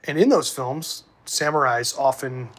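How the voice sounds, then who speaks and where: A man's voice: mid-range voice, a little slow, a bit bright. A man from the American Midwest hosting an interview, chatty and wandering off on tangents with stammering restarts. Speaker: host. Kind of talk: conversational interview.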